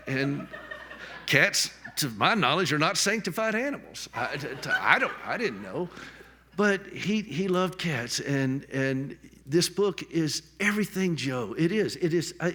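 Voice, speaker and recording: A man's voice: on the high side, sing-song, unhurried, background noise. A man speaking on stage at a book launch, giving a heartfelt tribute that moves between jokes and tender remembrance, often restarting his words. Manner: jokey then tender, repeats and restarts words. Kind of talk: heartfelt public tribute speech. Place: on stage at a public event.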